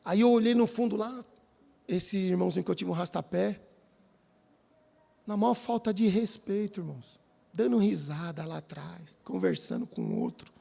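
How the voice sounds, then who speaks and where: Brazilian guy preaching, super gravelly voice, long echo in a church hall. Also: high-pitched, normal speed. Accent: Brazilian Portuguese. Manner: lively, keeps calling the audience brothers. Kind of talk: sermon with personal storytelling.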